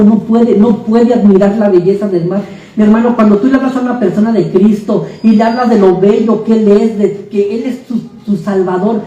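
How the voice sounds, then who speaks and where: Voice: mid-range voice, mellow. A preacher delivering an earnest sermon in a church, speaking straight to the listeners and asking rhetorical questions. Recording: echoey church hall from far off, faint noise.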